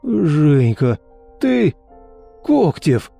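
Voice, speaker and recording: An excitable gray-haired doctor, read by a man, talks fast and eagerly yet stays precise. The voice is gravelly, very dark and mellow. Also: mid-range voice, faint music behind, full character voice. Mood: excited. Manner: hurried, excited but precise speech.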